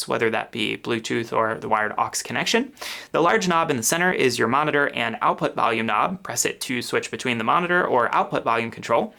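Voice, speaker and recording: A man with a sharp, mid-range voice marked by vocal fry hosts a gear review channel. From his home office desk, speaking a couple of inches from a podcast microphone, he methodically walks through a product's features step by step.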